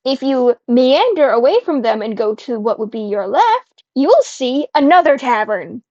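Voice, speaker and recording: A woman's voice: high-pitched, big pitch swings, moderate pace, dark tone, no room sound, muffled recording. A woman running a tabletop game as game master, talking casually and bluntly. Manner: casual, unbothered, profane. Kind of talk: narrating a tabletop game over voice chat.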